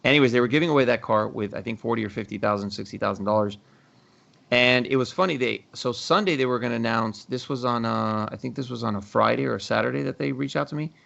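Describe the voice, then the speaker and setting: A man hosting a casual podcast, telling stories in an animated, profane way. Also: mid-range voice, quick pace, gravelly, muffled recording. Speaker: podcast host.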